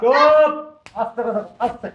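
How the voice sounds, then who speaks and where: A man's voice: extremely high pitch, normal speed, roomy sound, dull audio, heavy background noise. A man playing a stern older father-in-law who commands and scolds. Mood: angry. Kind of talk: web drama acting.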